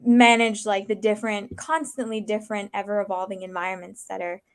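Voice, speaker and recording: Earnest woman in her 20s from the uae, guest on an interview, halting, thinks out loud. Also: mid-range voice, fairly even intonation, smooth. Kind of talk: casual interview.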